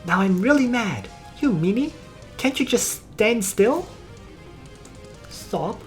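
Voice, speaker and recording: A woman's voice: medium pitch, very animated, slow, pitched above the performer's own voice. Lady reading out a whiny young mage girl, scolds a lot, gets all flustered, voice jumps around, faint game music behind. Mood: scolding. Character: excitable young female mage, pouty and lonely. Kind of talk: reading game dialogue aloud.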